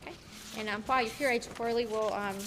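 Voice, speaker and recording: A woman, questioning a witness in a courtroom recording, speaking in a steady, methodical way with frequent ums. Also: fairly high pitch, fast talker, poor audio. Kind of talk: courtroom examination. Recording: courtroom recording with clear room noise.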